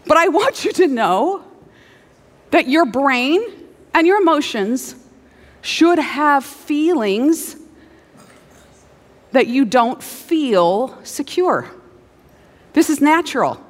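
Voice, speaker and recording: High, lively woman preacher. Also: slow, long pauses. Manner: animated, storytelling, conversational. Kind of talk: sermon with acted-out stories. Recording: long hall reverb.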